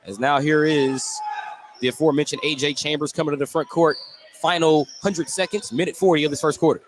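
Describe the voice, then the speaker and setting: Brisk and steady in tone, a man with a higher-than-average voice calls a basketball game for live radio. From courtside in a school gym, he describes each play in tight, detailed phrases, and the gym broadcast is noisy.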